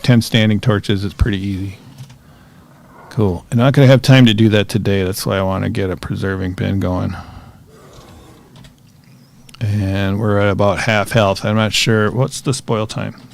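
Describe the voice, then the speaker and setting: A man giving relaxed, chatty commentary while he plays a survival game, talking to himself as he goes. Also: on the low side, moderate pace, gravelly, long pauses. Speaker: gaming streamer. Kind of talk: casual gameplay commentary.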